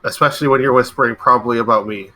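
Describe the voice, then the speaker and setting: Male player with a bright, forward voice and a dry, wry delivery. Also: medium pitch, fairly even intonation, rapid-fire. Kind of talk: casual tabletop game chat, partly in character.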